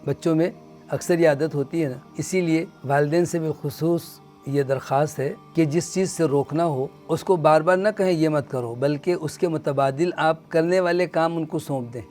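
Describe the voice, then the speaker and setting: Man, religious lecture, earnest explaining, slightly raised pitch, soft music behind. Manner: earnest, explanatory, recites Arabic verses slowly. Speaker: Quran teacher.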